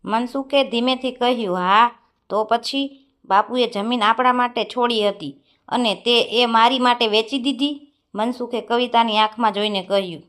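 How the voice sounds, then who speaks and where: A woman reading an emotional village story aloud, gently voicing every part herself. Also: a little high. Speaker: narrator. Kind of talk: storybook narration.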